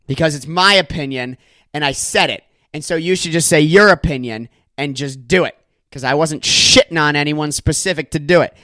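A man's voice: a little high, normal speed, pushed and bright, dry recording, clean studio sound. A young man hosting a solo comedy podcast, doing exaggerated mock-angry rants laced with swearing. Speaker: podcast host.

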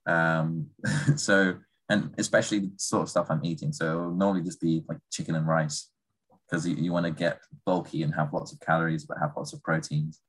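Poor audio captures a young Englishman with an extremely low, breathy voice talking fairly quickly. As a conversation partner in a casual chat, he rambles loosely and relaxedly about everyday habits, dropping in fillers.

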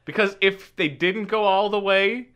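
A man's voice: sits high, steady tone, measured pace, bright, forceful tone, smooth, dull audio. A man casually discussing a movie with a friend, joking, teasing and laughing often.

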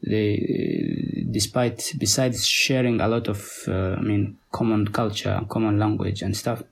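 A man with a Somali accent, a native Somali speaker, talking as a podcast guest in a halting way, with many pauses and repeated words. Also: on the low side, big pitch swings, vocal fry, slightly rough. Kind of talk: conversational interview.

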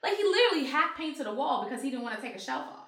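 A woman telling lively stories in casual chat, acting out heated quotes and swearing freely. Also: sits high, racing, recorded from a distance. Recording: echoey room, voice from off-mic.

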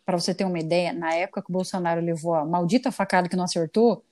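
A woman who is a guest on a podcast, ranting in a lively, profane, casual way. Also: fairly low pitch, rapid-fire. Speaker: guest artist and English teacher.

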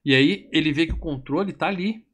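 A man's voice: fairly high pitch, brisk. A man casually retelling a film plot, swearing a lot and acting out the characters' lines. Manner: animated, profane storytelling with acted quotes. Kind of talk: casual film recap chat.

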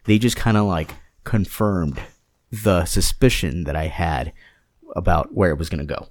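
A man's voice: sits low, normal speed, no echo, clean studio sound. A man co-hosting a casual chat show, rambling along with frequent restarts and fillers. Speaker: podcast co-host.

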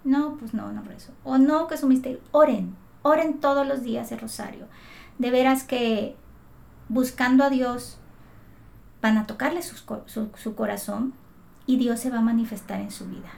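A woman from Mexico with a fairly high voice tells her story of faith in an earnest, emotional way. She circles back and restarts her phrases as she gathers her thoughts, speaking as a guest in conversation. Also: moderate pace, creaky, a little mellow. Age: adult mother. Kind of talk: heartfelt testimony in conversation.

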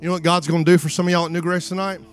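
A man's voice: level tone, faint music behind. A man preaching a revival sermon with dramatic, sing-song phrasing, repeating lines and addressing the congregation directly. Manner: dramatic, building from hushed, drawn-out phrases to high, sing-song cries.

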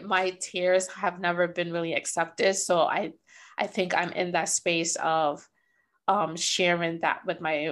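A woman's voice: on the low side, fairly bright tone. A woman hosting a podcast, talking casually and candidly, swearing freely and laughing often. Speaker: podcast host.

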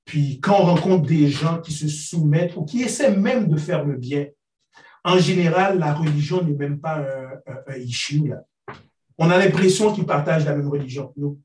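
A man with a slightly high voice and darkish tone speaks at a moderate pace, thoughtfully searching for his words in an earnest group discussion. He sounds roomy and distant from the mic, with slight background noise.

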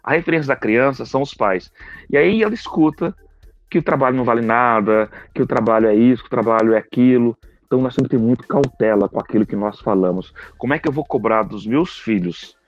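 A man's voice: medium pitch, fast talker, no room sound. A man with a Brazilian accent, a psychologist hosting a podcast, giving an earnest, folksy motivational monologue. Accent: Brazilian Portuguese. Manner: earnest, folksy, frequent "né" tags. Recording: dull, dry recording with faint music.

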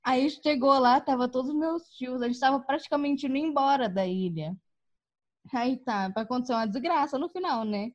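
A woman with a high voice tells a personal story in a relaxed chat. She is animated, laughs often and acts out the voices of the people in it. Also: normal speed, muffled recording. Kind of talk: casual storytelling.

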